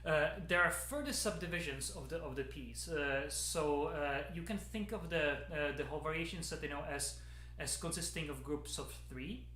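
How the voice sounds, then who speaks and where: A man, a piano professor giving a casual spoken introduction to a piece, talking haltingly with many fillers and repeated words over a webcam in his studio. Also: a little high, sharp tone, echoey room, slight background noise. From Czech Republic. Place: piano studio at a university, indoors. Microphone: webcam at desk, video call.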